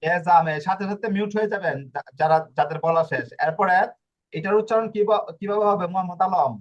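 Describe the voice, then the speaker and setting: A man's voice: high voice, a little fast, lo-fi sound. A man teaching a language class online, explaining step by step and asking himself questions as he goes. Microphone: video call.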